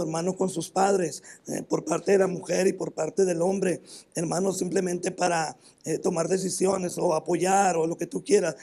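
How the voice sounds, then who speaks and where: High, gravelly northern Mexican pastor. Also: male voice, warm tone. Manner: repeats "hermano" often, halting restarts. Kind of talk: sermon with personal testimony. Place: church.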